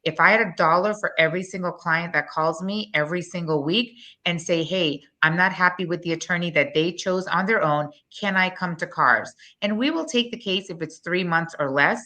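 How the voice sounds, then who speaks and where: In a lowish, sharp voice, a business owner from Guyana in her forties pitches her business during an interview. Her Guyanese accent comes through as she speaks in a blunt, emphatic, rapid flow.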